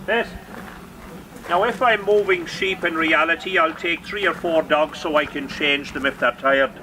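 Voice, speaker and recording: A man's voice: on the high side, steady tone, moderate pace, distant mic. A man explaining a live sheepdog demonstration to spectators outdoors, in an instructive way. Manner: explanatory, rhetorical questions. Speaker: sheepdog trainer and presenter. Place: outdoors at a sheep dog trial. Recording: very noisy outdoor recording.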